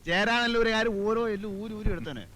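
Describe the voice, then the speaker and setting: A man's voice: sits high, fairly quick, sharp tone. An actor playing a scheming, cheeky village man who trades in glib, brash comic banter in a film comedy. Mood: jokey. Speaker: film character, a hired hand. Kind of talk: 1990s film comedy acting.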